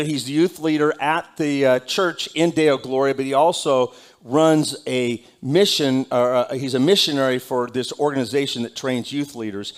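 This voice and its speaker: Casual pastor chatting from the pulpit. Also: male voice, medium pitch. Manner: casual, conversational, with frequent fillers and restarts. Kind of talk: church announcements and onstage interview. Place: church sanctuary.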